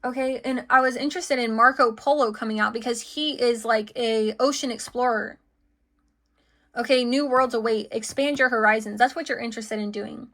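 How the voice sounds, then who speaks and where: A woman's voice: on the high side, fairly even intonation, moderate pace, a bit bright. A woman giving an intuitive tarot reading to her viewers, chatty and full of "okay" and "like" fillers. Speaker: tarot card reader.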